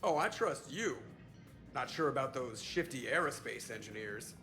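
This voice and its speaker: A man's voice: medium pitch, lively intonation, normal speed, natural voice. A man playing a cocky, wisecracking pilot. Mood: joking. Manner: sarcastic, joking. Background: game music.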